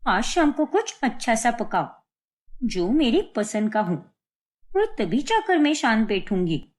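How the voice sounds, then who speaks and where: A woman playing a shrill, stubborn young village woman. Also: very animated, a little slow. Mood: insistent. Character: stubborn, loud young woman of a poor family.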